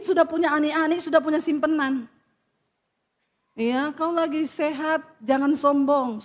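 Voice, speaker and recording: A woman's voice: very high-pitched, big-room sound. A woman pastor preaching a sermon, blunt and scolding, telling stories from her counseling.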